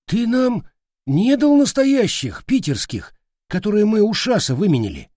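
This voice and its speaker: A man voicing a quiet, plodding male red cap goblin who talks slowly and matter-of-factly. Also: sits high, sing-song, dry recording, clean studio sound, voice pushed up. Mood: glum. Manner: slow, quiet, matter-of-fact.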